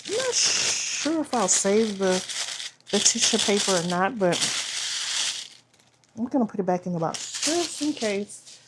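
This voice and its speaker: A woman's voice: medium pitch, very animated, measured pace, pauses often, heavy background noise. A woman chatting casually as she unboxes a planner subscription box, trailing off and restarting, and saying "y'all". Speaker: planner vlogger.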